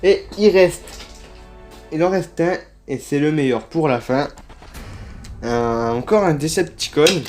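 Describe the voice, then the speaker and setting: A man's voice: a little high, slow pace, long pauses, a little mellow, soft background music. A man chatting casually through a toy unboxing, hesitant and full of fillers, often correcting himself, filmed on a handheld phone. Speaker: toy collector vlogger. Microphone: handheld phone without tripod.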